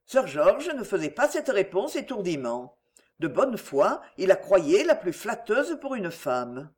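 Speaking in a mid-range voice, a woman narrates a classic novel as an audiobook, with expressive, carefully paced delivery.

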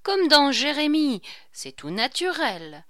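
Woman reading as a sly male jester, teasing, lilting up and down, bright crisp voice. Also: high voice, sing-song, slow pace, no echo, clean studio sound, voice pushed up, full character voice. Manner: teasing, ironic questions.

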